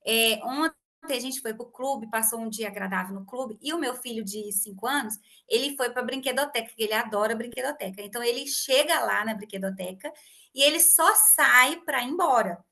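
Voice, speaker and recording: A woman in her thirties hosting a casual podcast conversation, telling an animated story and acting out family dialogue. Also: fairly high pitch, a little fast. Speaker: host.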